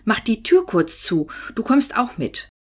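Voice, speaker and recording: A woman's voice: fairly high pitch, big pitch swings, measured pace, a little mellow, voice pushed up. A woman voicing a bossy, nosy old woman who runs a kiosk, scolding and giving orders. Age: over 60. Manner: scolding, commanding.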